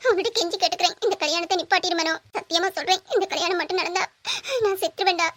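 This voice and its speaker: A woman's voice: extremely high pitch, fairly even intonation, racing, fairly bright tone. A woman voicing a tearful young bride in a cartoon drama, pleading with emotion.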